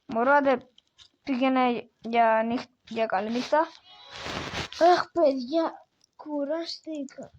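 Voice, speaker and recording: A woman's voice: sits high, long pauses, muffled recording, a little hiss or hum. A woman giving casual gameplay commentary, talking to herself and the game and exclaiming often. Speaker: gamer.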